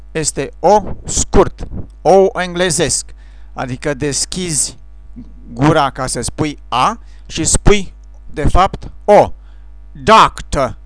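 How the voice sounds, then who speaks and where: A man calmly teaching English pronunciation sounds, speaking slowly and carefully as in a scripted lesson. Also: on the high side, no room sound. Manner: slow, careful, explanatory delivery. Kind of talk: scripted instructional narration.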